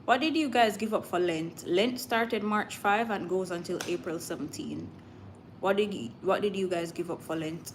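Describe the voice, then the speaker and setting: A livestream host with a Jamaican accent chats casually and informally with her viewers, drifting into Patois as she goes. Her voice is fairly low and her speed normal, and background noise is clearly audible.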